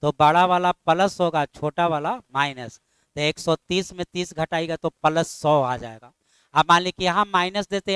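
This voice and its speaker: A middle-aged man runs a math class, peppering his students with questions and mildly scolding the slow ones. His high voice is a bit bright and clean, recorded dry.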